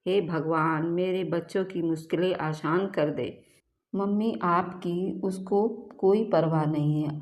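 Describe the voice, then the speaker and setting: A woman's voice: on the low side, a little mellow. A woman narrating an emotional true story in the first person, speaking all the family dialogue in her own voice.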